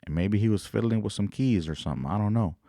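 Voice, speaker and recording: A man with a low voice talks through a casual podcast monologue. He rambles in street slang and slips into quoted voices. The sound is dry and close. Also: fast talker, warm tone, no echo. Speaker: podcast host. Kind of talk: casual commentary.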